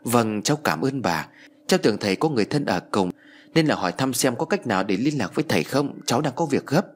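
A man's voice: medium pitch, lively intonation, quick pace, a little hiss or hum, natural voice. A man voicing a frightened young widowed mother in a spoken ghost story, pleading and anxious. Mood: polite.

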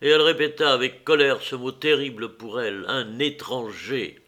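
A man narrating a classic novel in a measured, expressive audiobook reading. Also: medium pitch. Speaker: audiobook reader. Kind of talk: literary narration.

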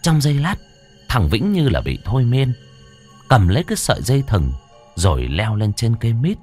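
A man's voice: medium pitch, wildly swooping pitch, normal speed, a little mellow, soft background music. A man narrating a ghost story with a dramatic, swooping delivery.

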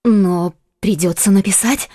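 A frightened young queen pleads in a high, trembling falsetto, as a male reader puts her on. The voice rises well above a man's usual pitch and pushes loudly. It sounds close and dry, with no room around it. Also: measured pace, no echo. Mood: anxious. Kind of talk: audiobook character voice.

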